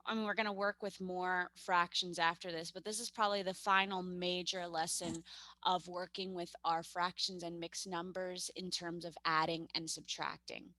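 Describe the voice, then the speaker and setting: Young new york teacher lady on a video call, upbeat and chatty, super bright voice. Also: on the low side, little pitch movement, normal speed, no room sound. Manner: upbeat, chatty, self-correcting. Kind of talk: online math lesson.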